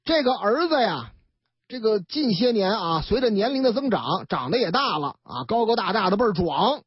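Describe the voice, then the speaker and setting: A man's voice: high-pitched, very animated, normal speed, husky, dry recording. A man with a Beijing accent telling a crime story on the radio in a chatty way, acting out the characters. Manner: chatty, acts out every character. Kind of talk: colloquial crime story narration. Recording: dull lo-fi radio broadcast, dry.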